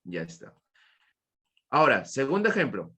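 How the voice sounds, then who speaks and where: A man's voice: medium pitch, huge pitch swings, moderate pace. A man teaching an online class with a Peruvian Spanish accent, repeating his points and asking students questions. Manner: repetitive, questioning students, praising answers.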